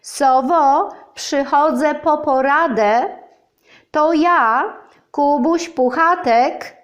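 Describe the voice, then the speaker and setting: A woman's voice: high voice, animated, slow. A woman voicing a small-brained, humble honey bear in a children's storybook reading, polite and timid. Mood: eager calling. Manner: polite, timid, stumbles over long words.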